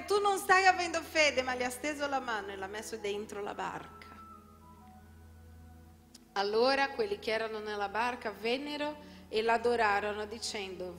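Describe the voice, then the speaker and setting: A woman pastor delivering an emphatic sermon, putting rhetorical questions to her congregation. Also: a little high. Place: church hall. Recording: long hall reverb, soft music behind.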